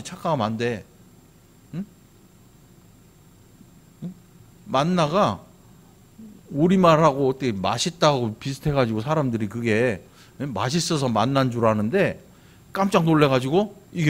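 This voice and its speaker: A middle-aged male pastor preaching a sermon, conversational and questioning the congregation, swinging from loud to soft. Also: medium pitch, lively intonation, normal speed, pauses often. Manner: asks the congregation questions, imitates regional dialects.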